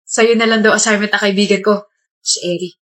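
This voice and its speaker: A young woman acting out comedy skits in a playful, animated way. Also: mid-range voice, fairly quick. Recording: echoey room.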